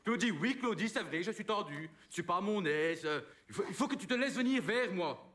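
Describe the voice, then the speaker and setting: A sleazy, pushy glamour photographer in a film comedy, speaking with a Belgian French accent. His voice sits high and swings widely as he lectures and coaxes, always patronizing. He keeps adding "hein" to his sentences. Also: animated, a little fast, fairly bright tone. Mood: indignant. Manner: bossy, patronizing, tacks "hein" onto sentences.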